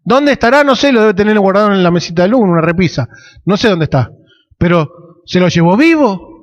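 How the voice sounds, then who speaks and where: A man's voice: high voice, animated, fairly quick, long reverb tail, dull audio. A man preaching a sermon in an Argentine accent. He keeps asking the congregation rhetorical questions and adds "amén" between points. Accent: Argentine Spanish.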